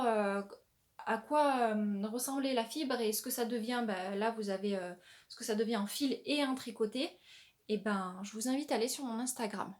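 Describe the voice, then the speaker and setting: A woman hosting a knitting podcast, chatting casually with many pauses and restarts as she shows her yarn. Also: fairly high pitch. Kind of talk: casual show-and-tell chat.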